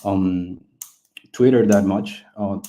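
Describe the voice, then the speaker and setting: Slow, steady, and warm, the low voice belongs to a game studio founder from Chile, a Spanish speaker guesting on an interview. He talks casually and often repeats words when explaining.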